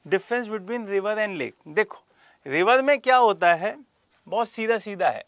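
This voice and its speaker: A man's voice: sits high, lively intonation, slow pace, a bit bright, no room sound. A man teaching a geography lesson for exam preparation, asking rhetorical questions and calling on students by name. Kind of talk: classroom lecture for exam prep.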